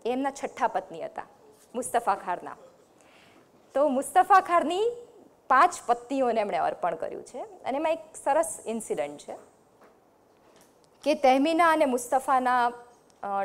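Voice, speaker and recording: A woman novelist giving an expressive reading from her novel and then speaking about it in a conversational way at a public talk. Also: mid-range voice.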